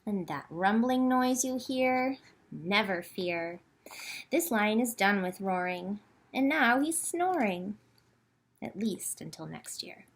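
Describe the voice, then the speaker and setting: Speaking to young listeners directly, a female host reads and chats at a library storytime using simple, expressive wording. She has a medium-pitched voice and a slow pace.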